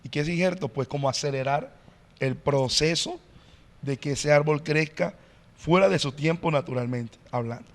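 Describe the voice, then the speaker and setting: A male pastor explaining in an earnest, teacherly way as a podcast guest, often pausing on "eh". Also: fairly high pitch, long reverb tail. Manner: earnest, teacherly, frequent "eh" fillers. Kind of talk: podcast interview, preaching-like explanation.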